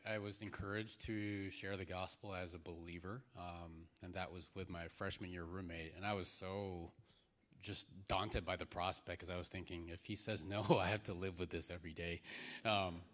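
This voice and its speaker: A man in his thirties, a pastor from the Philippines, telling his story in a relaxed way with many fillers, speaking on a church stage into a handheld mic. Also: low voice. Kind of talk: answering questions on stage. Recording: echoey hall with long reverb.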